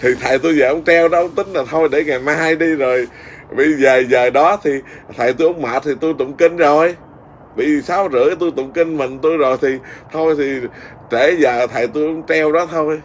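A man's voice: a little high, steady tone, brisk, slight background noise. A middle-aged man, a Buddhist monk with a Southern Vietnamese accent, telling a story in casual conversation with a lot of fillers and restarts. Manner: rambling, with many fillers and restarts.

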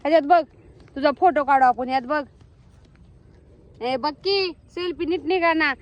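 A woman's voice: high voice, measured pace, dry recording, highs cut off. A young woman with a rural Marathi accent, chatting as she films her farm vlog outdoors on a handheld phone, calling out to animals and family. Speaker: vlogger.

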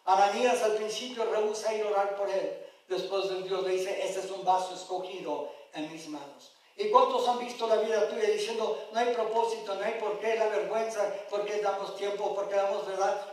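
A man's voice: high-pitched, darkish tone. A man pastor giving an impassioned sermon and putting questions to his congregation. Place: church sanctuary. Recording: very echoey church hall, mic far off.

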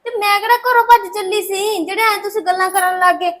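A woman's voice: extremely high pitch, fairly even intonation, fast talker, fairly bright tone. A young woman with a Punjabi accent playing a defiant daughter who pleads against a forced marriage in a short film drama. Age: young adult. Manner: pleading and defiant, often tearful. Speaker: daughter resisting arranged marriage.

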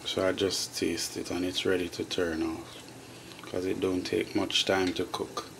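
Over the sound of boiling, sizzling pots, a Jamaican home cook talks slowly through his recipe for viewers, his low voice flat and unhurried. He records this casual vlog on a phone camera held above the stove, which captures the kitchen noise clearly.

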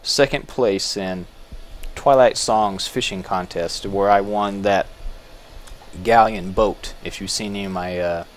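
Relaxed and thinking aloud with small restarts, a man with a very deep voice works through a video game as a gameplay video host, offering casual commentary. His home desk mic carries a faint hiss.

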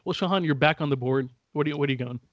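A young man hosting a casual podcast chat from home over a headset on a video call, easygoing and quick to laugh. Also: on the high side, no echo, lo-fi sound. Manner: easygoing, laughs often, bursts out in mock outrage. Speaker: podcast host running the draft. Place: home room. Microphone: headset with desk mic, video call.

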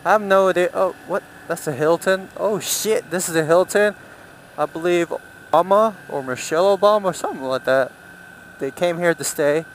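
A man with a high-pitched voice talks at normal speed over slight background noise. As a motorcycle vlogger on city roads outdoors, he rambles casually and thinks aloud while riding.

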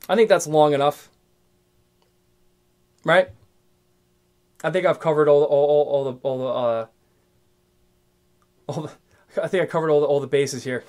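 A man in his twenties hosting his own podcast, ranting casually alone, swearing often and rambling with many restarts. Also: medium pitch. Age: 20s. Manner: profane, rambling, restarts a lot. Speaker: podcast host. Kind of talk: casual solo rant.

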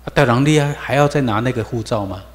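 A male lecturer speaking Mandarin with a Taiwanese accent at a mid-range pitch, pressing his class with emphatic rhetorical questions. He drills new words aloud with his students, and his voice carries a long reverb from the lecture hall around him. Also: fast talker.

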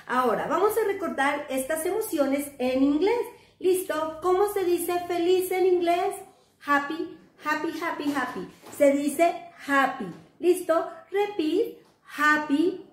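A Colombian woman teaching kindergarten children in a recorded remote class, sing-song and coaxing, often checking with the kids. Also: sits high. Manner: sing-song, coaxing, asks "¿cierto?" a lot. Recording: echoey room.

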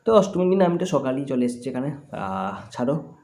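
Hoarse Bengali man chatting casually. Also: mid-range voice, sing-song, brisk, warm tone. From West Bengal, India. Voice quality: husky, strained voice. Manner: rambling, chatty. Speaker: vlogger. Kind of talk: casual vlog chat.

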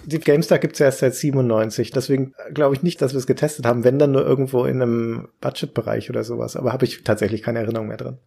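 Gravelly-voiced man hosting a podcast. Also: medium pitch, steady tone, rapid-fire, hardly any pauses, mellow. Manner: friendly, engaged interviewer sharing his own memories. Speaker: podcast host. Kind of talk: interview questions, casual chat.

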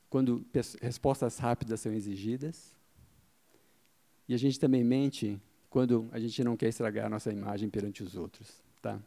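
This is a middle-aged man with a warm, mid-range voice delivering a marketing conference talk to a live, seated audience in an event hall. Speaking into a handheld mic, he explains things in an explanatory way, asking himself questions, answering them, and frequently adding "tá?"

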